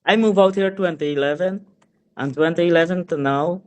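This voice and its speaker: A fairly high-voiced man from Guyana talks as a guest in a relaxed business chat. He tells little stories in a chatty way, filling his talk with "like" and "right?". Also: fairly quick, clean tone. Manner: chatty storyteller, often adds "like" and "right?". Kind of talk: casual interview chat. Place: Edmonton, Canada.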